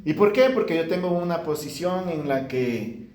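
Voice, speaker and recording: A male pastor delivering a lively sermon to his congregation, acting out pleading prayers as he preaches. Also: fairly high pitch, moderate pace. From Ecuador. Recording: echoey church room.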